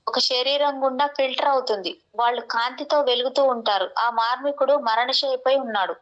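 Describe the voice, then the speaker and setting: A woman slowly reading a spiritual text aloud, with a few restarts. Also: high voice, a bit bright, muffled recording. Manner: slow, measured reading with restarts.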